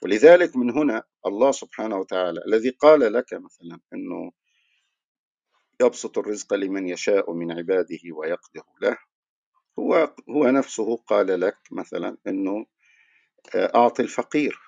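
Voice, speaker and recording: A man's voice: on the low side, moderate pace, gravelly, a little mellow, dry recording, lo-fi sound. A man giving a religious lecture, explaining his point through rhetorical questions that he answers himself. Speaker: religious speaker.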